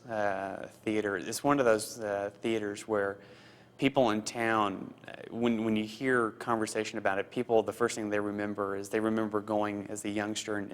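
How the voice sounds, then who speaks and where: Guy in his 30s from costa rica, lowish voice, pretty flat, lots of uh's answering interview stuff. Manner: earnest, halting with many uh fillers and repeats. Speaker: foundation program officer. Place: office.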